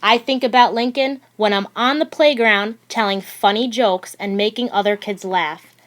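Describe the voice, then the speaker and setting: In a mid-range voice, a woman reads a children's picture book for an audiobook, taking a deliberate, expressive storytelling approach.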